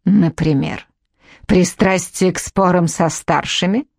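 Audiobook: woman doing a surly blind old woman, low, slow, scornful growl. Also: vocal fry, darkish tone, no room sound, clean studio sound, heavily acted. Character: blind, ill-tempered old woman teacher. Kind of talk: audiobook character reading.

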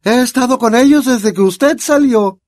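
A man doing a shrill, fussy school nurse. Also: moderate pace, a little mellow, dry recording, studio quality. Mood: indignant. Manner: shrill, indignant scolding. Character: stern, fussy older school nurse, woman.

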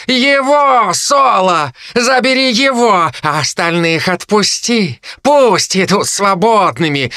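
A man voicing a shrill, hungry harpy woman. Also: sharp tone, dry recording, studio quality, heavily acted. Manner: shrill, shrieking demands. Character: predatory female harpy, ancient and ravenous.

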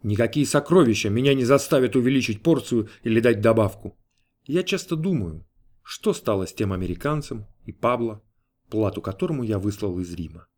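A man reading a story aloud in a measured, even storytelling manner. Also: lowish voice. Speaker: audiobook reader. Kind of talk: scripted narration.

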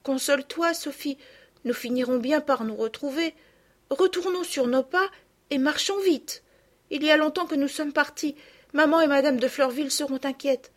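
A gentle little girl speaks up high and anxious, trying to sound brave, as a woman voices her in a storybook reading. Her voice lifts well above the narrator's own tone. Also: normal speed, lightly acted. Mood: worried. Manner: worried and pleading.

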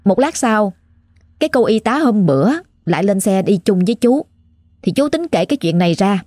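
A woman's voice: medium pitch, sing-song, normal speed, a little mellow, dry recording, clean studio sound. Chatty Southern Vietnamese woman telling ghost stories. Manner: chatty, exclaiming, addresses listeners directly. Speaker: ghost story narrator. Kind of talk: casual storytelling narration.

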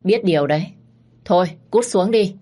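A woman's voice: mid-range voice, moderate pace, dark tone, lightly acted. A woman voicing a harsh older mistress of a rich household, speaking curtly and with scorn. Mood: stern. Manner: curt, scornful, bossy.

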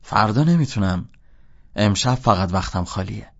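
A man voicing a teenage boy who deepens his voice to sound older, hesitant and overly polite. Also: animated, vocal fry. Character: teenage boy faking a grown-up voice. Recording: dull lo-fi audio.

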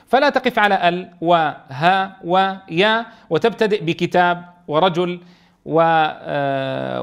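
High-voiced man teaching a Quran lesson. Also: a bit bright. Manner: reads quoted text slowly, then explains quickly, often checking with listeners. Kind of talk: explaining a classical text in a lesson.

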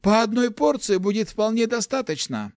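A man's voice: sits high, big pitch swings, normal speed, dry recording, studio quality, pitched above the performer's own voice. A man voicing a young male mage who sighs and talks wryly. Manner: sighing, wry.

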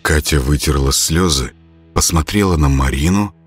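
A man narrating a horror audiobook in a measured, steady way. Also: rumbling low. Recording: music bed behind voice.

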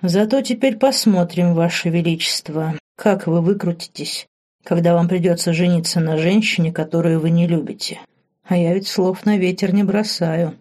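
A woman's voice: lowish voice, moderate pace, a little mellow, close to an everyday voice. A woman reading the part of a curt, sardonic grand master, a man in his thirties, in an audiobook.

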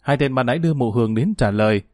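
A man reading a gangster story aloud in a steady dramatic narration. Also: mid-range voice, racing, no echo, studio quality.

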